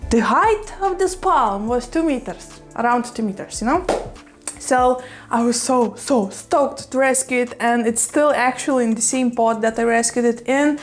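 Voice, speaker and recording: At home in a room full of plants, a Lithuanian plant vlogger with a strong Russian accent chats casually to her camera in a slightly high voice. She speaks at a normal speed, laughs often, and fills pauses with "you know" and "right?" while faint music plays behind her.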